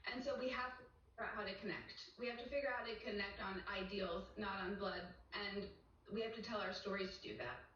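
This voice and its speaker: A woman's voice: mid-range voice, fairly even intonation, a little fast, a bit bright, a little hiss or hum. A woman poet speaking as a guest in a TV news interview, passionate and rhythmic, building her points through repeated phrases. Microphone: remote call. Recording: echoey and distant, dull band.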